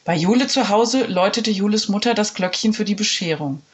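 A woman narrating a children's story in an expressive storytelling manner. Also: medium pitch, a little fast, slightly rough.

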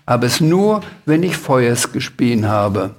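A man reading aloud and voicing a small, anxious blue dragon who cannot pronounce the letter R, speaking slowly and plaintively. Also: fairly high pitch, fairly even intonation, vocal fry, a little hiss or hum. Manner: slow, plaintive, can't pronounce R.

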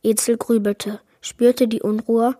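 A woman reading aloud a chapter of a children's fantasy adventure book in a measured narrating manner. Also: on the high side, little pitch movement, dark tone, no echo, clean studio sound. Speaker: book reader. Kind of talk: storybook read-aloud.

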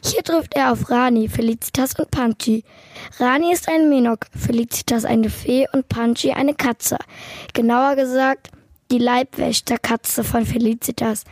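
Husky-voiced woman introducing a book. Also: on the high side, steady tone, a little slow, darkish tone, no room sound.

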